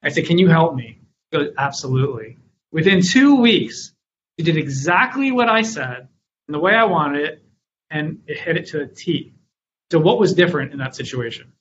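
A man's voice: on the high side, lively intonation, normal speed, fairly bright tone, dull audio, a little hiss or hum. A man answering interview questions about running his company and telling stories from his business. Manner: storytelling, acts out his own past lines with rising energy. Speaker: guest, company founder and author.

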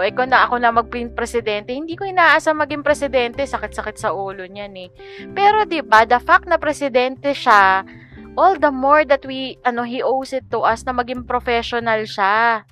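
A woman's voice: a little high, a bit bright. A woman from the Philippines hosting her podcast, chatting casually and ranting in an exasperated, talkative way. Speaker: podcast host. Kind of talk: casual podcast chat in Taglish.

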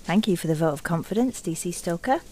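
A woman's voice: on the low side, expressive, fast, warm tone. A woman with a Yorkshire accent narrating a detective audio drama in a dry, self-mocking way.

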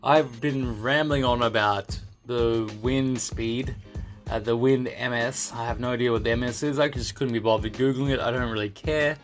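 A man's voice: mid-range voice, steady tone, normal speed, soft background music. A man hosting a casual solo podcast, rambling and jokey, repeating phrases for emphasis. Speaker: podcast host. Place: indoor room in Tokyo.

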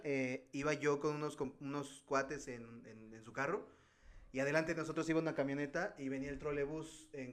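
A man with a Mexican Spanish accent, chatting casually and telling stories with slang and animated asides. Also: mid-range voice. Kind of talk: casual podcast chat.

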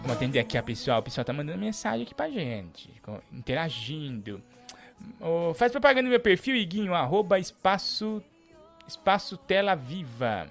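A man hosting a live show, reading out shout-outs and teasing a caller in a playful way. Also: fairly high pitch, big pitch swings, normal speed, soft background music. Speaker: host.

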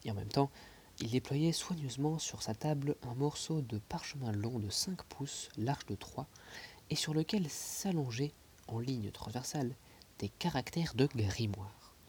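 A man reading a classic novel aloud, expressive, dropping into soft whispered passages and adding small asides. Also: mid-range voice, a little slow, a little hiss or hum. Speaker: audiobook reader.

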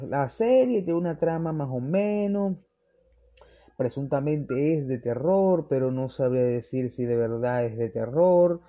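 Mellow young man. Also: medium pitch. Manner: rambling, opinionated, with frequent restarts. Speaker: series reviewer. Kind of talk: casual chat.

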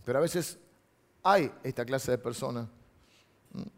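A man's voice: mid-range voice, a little slow, vocal fry. A middle-aged man, a pastor giving a conversational sermon, reading scripture aloud and making asides to the congregation.

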